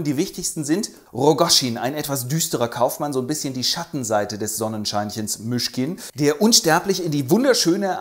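A man retelling a classic novel in a casual, chatty, informal way, talking straight to his viewers. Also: mid-range voice.

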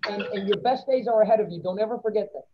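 A middle-aged woman speaks from her office webcam as a guest on a lecture call, upbeat and encouraging as she rattles off points. Her voice sits at an ordinary pitch. The call audio is dull and lo-fi. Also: a little hiss or hum. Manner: upbeat, encouraging, lists points in quick bursts. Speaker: city manager, guest speaker. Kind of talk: Zoom lecture Q&A answer. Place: office with poster on the wall. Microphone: laptop webcam on video call.

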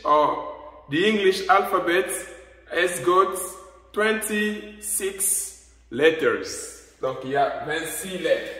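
Slow man teaching in an echoey room. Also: fairly high pitch, fairly bright tone. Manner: repeats each letter slowly and carefully. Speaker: English teacher. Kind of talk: language lesson. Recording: echoey room with long reverb.

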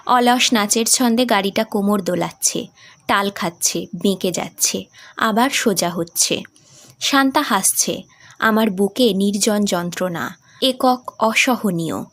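A woman hosting and narrating a short story in a calm, measured reading. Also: mid-range voice. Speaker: storyteller, channel host.

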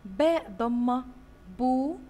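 A woman teaching young children in an Egyptian Arabic accent, slowly sounding out letters and praising them often. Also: high-pitched, mellow. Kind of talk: slow drawn-out phonics lesson for young children. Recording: roomy with long reverb, faint hiss.

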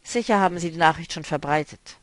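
A man's voice: a little high, fast talker, dry recording, lightly acted. A man reading a novel aloud, voicing a stern, mocking woman who speaks firmly and decisively. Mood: determined.

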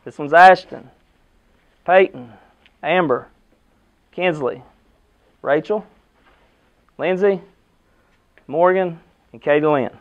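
High-pitched American coach giving a pep speech. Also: male voice, takes it slowly, pauses often, dull audio. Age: middle-aged. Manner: motivational, emphatic, short punchy phrases with rhetorical questions. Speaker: basketball head coach. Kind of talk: pregame locker-room pep speech to the team. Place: indoor team locker room. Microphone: camera a few metres away.

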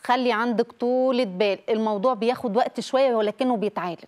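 A woman's voice: a little high, quick pace, darkish tone. A woman speaking with an Egyptian accent, a family counselor explaining children's speech problems on a TV talk show and acting out mispronounced words. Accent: Egyptian Arabic.

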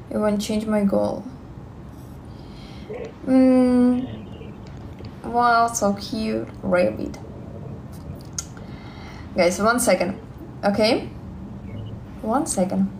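A young woman in her twenties from Russia, with a Russian accent, chatting on a live stream in halting, simple English full of fillers and repeated words, on a phone held close in a small room. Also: fairly high pitch, echoey room, a little hiss or hum. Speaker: livestream vlogger. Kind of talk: live stream chat, reading comments.

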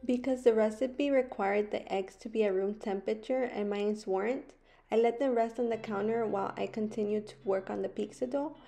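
A young woman narrates a home baking vlog as a voice-over, walking through each step in a plain, explaining way. Her voice sits at a middle pitch for a woman. A guitar track plays clearly underneath. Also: fairly even intonation, normal speed, mellow. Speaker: vlogger. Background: guitar music.

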